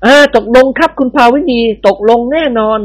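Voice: high voice, normal speed, voice pushed up, close to an everyday voice. A storyteller voicing a mischievous young Thai man with a brash, joking manner.

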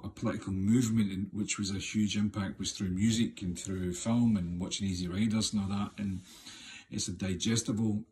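Man, fifties, lowish voice, fiery swearing rant, low-quality distant camera recording. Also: warm tone, a little hiss or hum. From Scotland. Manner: impassioned, heavy swearing, rhetorical questions. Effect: low-quality sound from a camera set too far away. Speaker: filmmaker and actor hosting his own podcast. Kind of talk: raw unscripted monologue rant. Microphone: camera microphone, not close.

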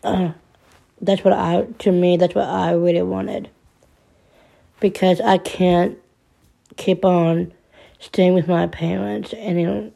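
A woman in her twenties talking through her troubles in a personal monologue, halting and subdued, restarting and repeating her words often. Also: on the low side, vocal fry, warm tone. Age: 20s.

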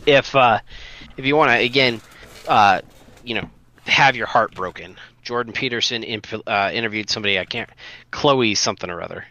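A man's voice: lowish voice, moderate pace, bright, forceful tone, rough recording. A man co-hosting a casual podcast, talking earnestly with many restarts and fillers. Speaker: podcast co-host.

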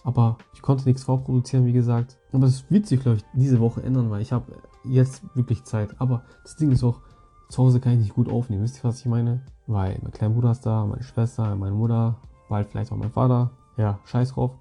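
With faint music in the background, a young man runs a solo podcast, spinning casual, slangy stories and talking right to his audience as he rambles. His mid-range voice is creaky and warm-toned, delivered flatly and fairly quickly.

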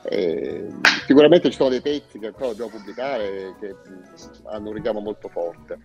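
A man's voice: on the low side, music in the background. A man from Salento giving a casual radio interview as a musician guest, speaking hesitantly and searching for words. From Salento, southern Italy. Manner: hesitant, with frequent pauses and searching repetitions. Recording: dull lo-fi audio.

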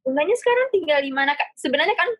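A young woman chatting casually as a podcast guest, relaxed and slangy, often repeating words as she thinks. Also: high-pitched, racing, dry recording.

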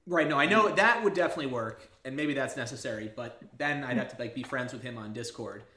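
A man hosting a podcast in casual chat, excitable and rambling, jumping between thoughts. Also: mid-range voice, fast talker. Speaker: podcast host. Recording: echoey room with loud background noise.

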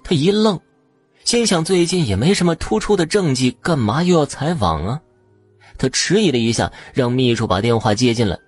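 A man narrating an audio story in an expressive, dramatic way. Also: medium pitch, moderate pace, slightly rough, no room sound, soft background music.

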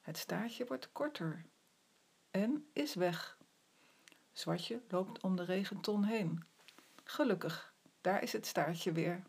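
A woman reading a children's story aloud in an expressive storybook manner. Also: mid-range voice, creaky, breathy edge. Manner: expressive, slow storybook delivery. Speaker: reader.

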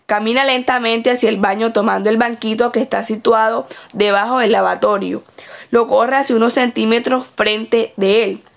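A woman's voice: on the high side, creaky. A woman reading aloud her written observation report as a student observer, with small slips and self-corrections.

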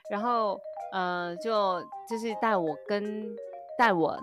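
Co-host, young woman, Taiwanese Mandarin accent, animated anecdotes with acted voices. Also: mid-range voice. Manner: animated storyteller who acts out quoted voices. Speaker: podcast co-host. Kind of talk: casual chat.

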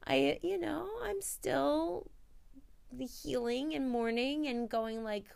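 A woman's voice: sits high, sing-song, takes it slowly, creaky, darkish tone, smooth. A woman hosting a solo motivational podcast, chatting casually and candidly in an informal, confiding way. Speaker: podcast host.

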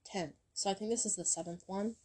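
A woman's voice: medium pitch, fairly quick, darkish tone. A young woman chatting casually on her channel, recommending songs in a rambling way full of ums and likes. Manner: rambling, filler-heavy, lots of ums and likes. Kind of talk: casual music chat.

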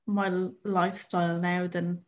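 A woman's voice: on the low side, little pitch movement, normal speed, lo-fi sound. A twenty-year-old woman from County Clare with an Irish accent, chatting casually as a podcast guest. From County Clare, Ireland. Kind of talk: casual interview chat.

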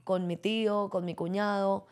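A woman's voice: medium pitch, steady tone, measured pace. A woman from Venezuela who works as a yoga instructor, chatting easily about her life as a podcast guest. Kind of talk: casual interview chat.

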